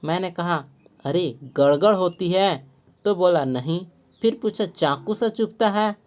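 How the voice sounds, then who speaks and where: A woman reading a fretful father, slow and low. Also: darkish tone, close to an everyday voice. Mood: worried. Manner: slow, patient read-aloud of a father's lines. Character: worried father of a sick young boy. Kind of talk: reading a play aloud for a class.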